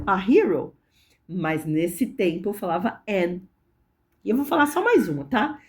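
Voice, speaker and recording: A woman with a Brazilian Portuguese accent, an English teacher explaining grammar in a casual video lesson, slowing down to spell out English phrases with care. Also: mid-range voice, darkish tone.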